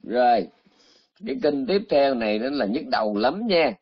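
A man's voice: medium pitch, very animated, moderate pace, husky, no echo. A male Buddhist monk, giving a chatty, teasing dharma talk full of exclamations. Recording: slightly muffled lo-fi recording.

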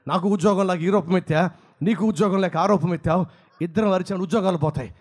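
A man voicing a gruff jobless man in a lion costume who scolds in a low, hushed way. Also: fast talker. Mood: scolding.

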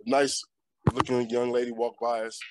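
A man's voice: medium pitch, level tone, normal speed, noisy background. Argumentative man hosting talk radio. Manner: argumentative, interjects, laughs often. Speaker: radio host.

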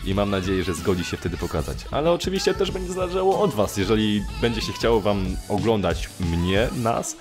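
A young man with a lowish, lively voice chats casually and briskly in a vlog, barely pausing, though he hesitates and corrects himself often and swears now and then. He's a YouTuber and amateur dubbing voice actor answering viewer questions from a small room at home, close to a desktop condenser mic with a pop filter, with music in the background.

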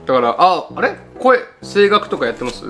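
Lively, fast-talking young man, slightly slurred. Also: high-pitched. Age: young adult. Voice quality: loud voice, somewhat slurred. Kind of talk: casual chat while eating. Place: small living room, indoors. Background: music.

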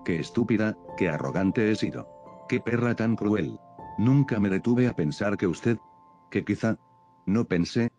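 A man's voice: fairly low pitch, lively intonation, a little slow, darkish tone. A man voicing a passionate young woman music student who speaks in indignant, accusing questions. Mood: remorseful. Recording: music playing behind the voice.

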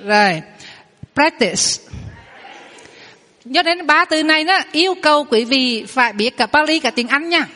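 A woman, a Buddhist nun, teaching a Dharma class, explaining patiently and drilling new words slowly, saying each one twice. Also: high-pitched, animated, bright, forceful tone. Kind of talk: Dharma lesson with pronunciation drills. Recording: long hall reverb.

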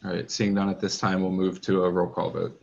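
A man serving as school board president, chairing a formal meeting over a video call in a procedural, measured way with frequent fillers. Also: low-pitched, level tone, vocal fry, a little mellow, slight background noise. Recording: muffled video call audio.

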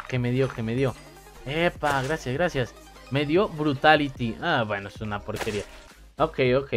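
A man giving chatty, excitable let's-play commentary and talking straight to his viewers. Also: medium pitch. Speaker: gamer.

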